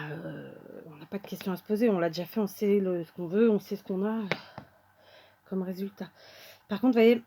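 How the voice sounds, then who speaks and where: A woman's voice: medium pitch, mellow. Woman chatting thru a card craft demo, lots of euh and voilà, faint clicky background noise. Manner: chatty, thinks aloud with many fillers. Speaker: card-making tutorial host. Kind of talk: casual crafting demonstration.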